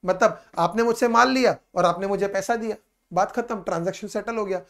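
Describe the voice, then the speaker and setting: A man teaching a commerce lesson, explaining patiently, repeating key points and reading definitions slowly. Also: high-pitched, fairly bright tone. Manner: patient, repetitive explaining, calls students "beta"; reads English definitions slowly and deliberately. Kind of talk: classroom lecture in mixed Hindi and English.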